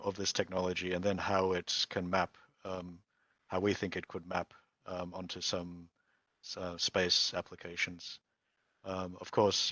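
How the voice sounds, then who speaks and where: A man's voice: deep voice, fairly bright tone, no room sound. A man giving an informal technical presentation over an online call, explaining things in a conversational way. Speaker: startup chief executive, invited speaker. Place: remote video call. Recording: dull, muffled online call audio.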